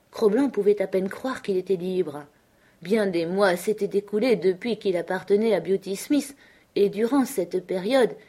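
A woman narrating a classic novel in a measured, clear reading. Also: lowish voice, darkish tone. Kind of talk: audiobook narration.

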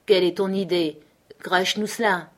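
A woman's voice: lowish voice, fairly even intonation, moderate pace, a bit bright. A woman reading as a curt, doubtful master. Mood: impatient. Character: male master, skeptical, impatient, then sad. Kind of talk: audiobook character reading.

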